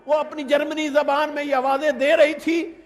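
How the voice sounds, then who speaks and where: A man with a Pakistani Urdu accent delivers an impassioned mourning sermon in a piercingly high voice. He swells into wailing, chanted recitation. His words ring out with long reverb in a large hall. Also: level tone. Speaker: cleric. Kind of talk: Muharram-style majlis sermon, chanted and emotional.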